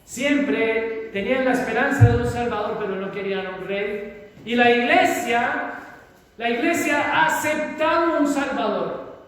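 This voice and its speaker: High-voiced man preaching slowly. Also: a bit bright. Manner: fervent preaching, drawn-out emphatic phrases. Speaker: pastor. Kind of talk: sermon. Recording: echoey hall from far off.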